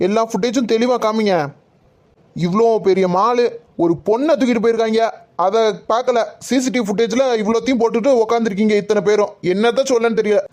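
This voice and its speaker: Man acting cartoon officer, brash, impatient, scolding, very high pitch. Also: fairly even intonation, fast talker, a little mellow. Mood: bossy. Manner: bossy, scolding.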